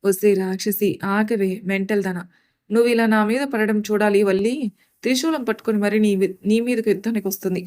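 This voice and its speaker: A woman's voice: mid-range voice, steady tone, brisk, darkish tone, natural voice. A playful young man teases and mock-scolds his cousin in a read-aloud story, as a woman narrator voices him. His tone is joking throughout. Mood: teasing.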